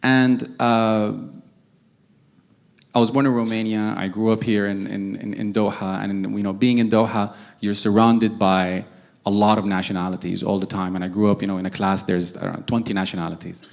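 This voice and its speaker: A man's voice: fairly low pitch, flat delivery, moderate pace, creaky. A young man from Sudan, a cartoonist speaking as a guest on a forum panel, hesitant with many restarts. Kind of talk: panel discussion answer.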